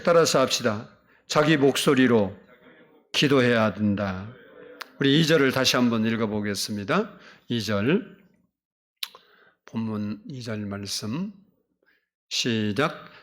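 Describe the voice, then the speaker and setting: A male pastor preaching a sermon, swinging between loud emphatic exclamations and soft, hushed asides. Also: fairly low pitch.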